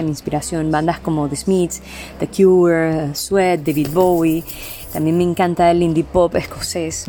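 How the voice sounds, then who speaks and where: A young Panamanian woman with a low, darkish voice and a Panamanian Spanish accent is a band singer answering interview questions. She's chatty, listing things and filling gaps with many "eh" sounds.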